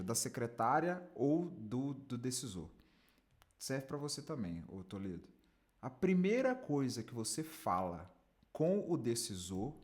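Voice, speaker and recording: Animated male sales mentor. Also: mid-range voice. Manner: animated, direct, demonstrates with lively intonation. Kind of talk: coaching a mentee on cold calls.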